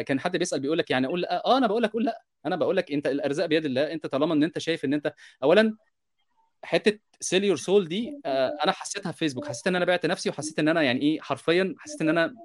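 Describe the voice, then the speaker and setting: An Egyptian man speaks very quickly on a casual podcast. His voice sits a little high, and he tells lively stories with constant asides. He sounds like someone in his thirties. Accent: Egyptian Arabic. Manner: animated, rapid storytelling with repeated "you understand?" asides. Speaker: podcast co-host, software developer.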